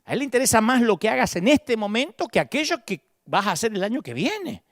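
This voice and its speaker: A middle-aged man with a Rioplatense Argentine accent delivers a sermon in a high, very lively voice that swings widely in pitch. He preaches dramatically, slipping into the voices of the people he quotes. The recording is close and dry, with no room sound. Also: fairly quick, dry recording. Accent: Rioplatense Spanish. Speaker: pastor.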